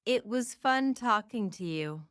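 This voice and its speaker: A woman reading short practice phrases aloud for learners, saying each one several times in a deliberate, even way. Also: on the high side, dry recording, clean studio sound. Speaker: English phrase reader.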